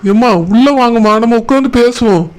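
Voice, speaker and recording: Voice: mid-range voice, steady tone, fast, close to an everyday voice. A performer voicing a meek young husband in a cartoon, with a Kanyakumari Tamil accent, pleading and apologetic toward his parents. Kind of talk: cartoon voice acting. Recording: background noise.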